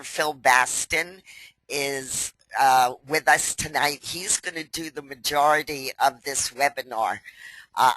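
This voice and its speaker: Woman, New York accent, stuffy with a cold, webinar walkthrough, slow and easygoing, bright voice, dry close sound. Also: sits low, no echo, low-quality recording. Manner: unhurried, chatty, explains step by step. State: has a head cold, stuffy. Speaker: company president hosting a webinar.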